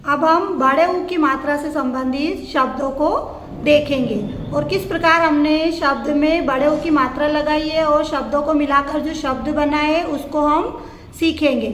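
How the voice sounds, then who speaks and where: A woman's voice: high-pitched, steady tone, a little slow, a bit bright, a little hiss or hum. A woman teaching a primary school class, patiently spelling words out letter by letter. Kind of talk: slow classroom lesson. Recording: echoey room with long reverb.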